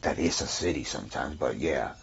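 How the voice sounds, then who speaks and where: A man's voice: very deep voice, brisk, creaky, muffled recording, a crowd in the background. A man giving casual, joking gameplay commentary, swearing freely. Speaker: let's play commentator.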